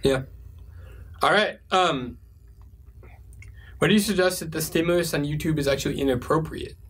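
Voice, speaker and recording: Chatty host man with a higher voice. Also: normal speed, fairly bright tone, breathy edge. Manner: casual, talky, fond of "like" and vivid examples. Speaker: co-host reading viewer questions. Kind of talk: live webinar Q&A chat.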